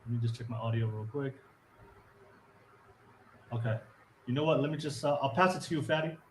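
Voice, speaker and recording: A man hosting a casual live stream, his voice muffled and quiet as if heard through a wall, talking haltingly with many fillers. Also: medium pitch, reverberant, slight background noise. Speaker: podcast host.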